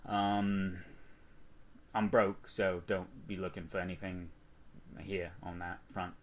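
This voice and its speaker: A man's voice: deep voice, little pitch movement, slow pace. A man hosting a casual news rundown while sick, rambling and mocking himself, with frequent restarts. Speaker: channel host.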